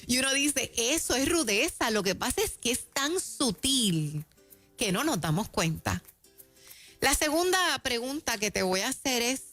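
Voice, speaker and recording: Puerto rican lady doing a faith talk on radio, bit high voice, soft music behind. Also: no room sound. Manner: chatty, laughs between points. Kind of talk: conversational faith teaching.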